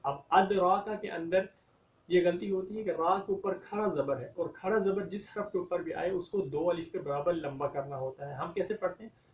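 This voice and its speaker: A man teaching Quran recitation, explaining common mistakes and reciting verses slowly and drawn out. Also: sits high. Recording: dull, echoey, from a distance.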